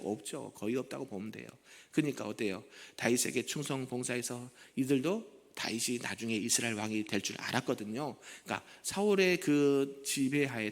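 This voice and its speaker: A man's voice: mid-range voice, creaky, big-room sound. A male senior pastor giving an early morning prayer sermon, conversational, often putting questions to the congregation. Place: church sanctuary.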